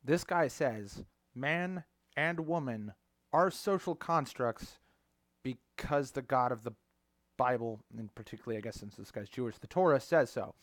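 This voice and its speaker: A man's voice: mid-range voice, a little slow, dry recording. A man reading an article aloud and mocking it in a sarcastic, profane commentary, often breaking off to scoff. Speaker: commentary vlogger.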